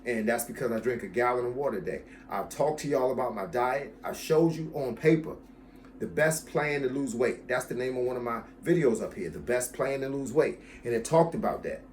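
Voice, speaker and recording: A fitness coach in his fifties talks straight to his viewers in a steady, mid-pitched voice. He hammers home each point by saying it again, with an easy, casual warmth toward his audience. A faint hiss sits under the recording. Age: 50s. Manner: emphatic, repeats key phrases, addresses viewers as y'all. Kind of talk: casual talk to camera about his channel.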